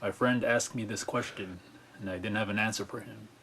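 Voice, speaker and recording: A man's voice: lowish voice, steady tone, fairly quick, a bit bright, slight background noise, poor audio. A man from Canada leaving a casual, rambling voicemail for a show, played back on air. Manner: casual, rambling question with fillers. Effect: played back voicemail message. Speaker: caller.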